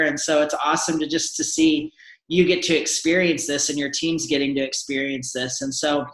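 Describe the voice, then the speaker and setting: A man's voice: fairly high pitch, a bit bright, reverberant, poor audio. A man hosting a live video panel, encouraging and rambling, with frequent restarts. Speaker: host.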